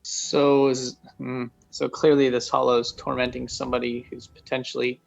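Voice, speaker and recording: Brief: easygoing male player, gravelly, faint music behind. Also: mid-range voice, little pitch movement, moderate pace, lo-fi sound. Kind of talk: casual tabletop game chat.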